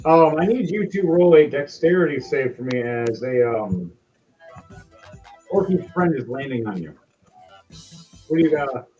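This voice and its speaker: A man's voice: fairly high pitch, animated, unhurried, long pauses, dark tone, distant mic. A man running a tabletop game as game master, narrating casually and theatrically. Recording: dull lo-fi audio with music.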